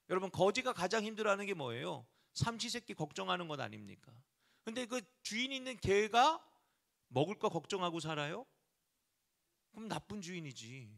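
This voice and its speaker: A man's voice: high-pitched, pushed and bright. A man preaching a sermon as pastor, talking conversationally to the congregation and often asking rhetorical questions.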